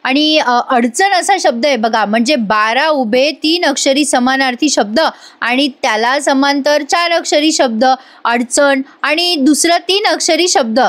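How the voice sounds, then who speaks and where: A woman voicing an excitable, flattering middle-aged man as she retells a serial scene. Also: high-pitched, unhurried. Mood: pleading.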